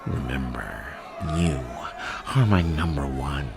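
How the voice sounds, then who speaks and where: Very deep, gravelly Joker. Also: male voice, over music, full character voice. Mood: coaxing menace. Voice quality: deep gravelly voice, breaking into breathy whispers. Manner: slow, drawn-out, insinuating, theatrical. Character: menacing, theatrical mad criminal clown mastermind, the Joker. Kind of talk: ASMR roleplay villain monologue.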